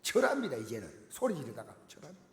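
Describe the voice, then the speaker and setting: A man preaching a sermon to his congregation, emphatic and direct, swinging between loud exclamations and near-whispers. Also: medium pitch, huge pitch swings, quick pace. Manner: addresses the congregation directly with repeated questions. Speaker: pastor. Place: church sanctuary. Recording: echoey church hall with long reverb.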